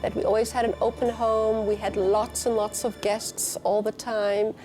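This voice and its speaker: Older woman, mellow dark tone, soft music behind. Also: medium pitch, flat delivery, moderate pace. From United States. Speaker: teacher and community leader. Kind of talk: interview.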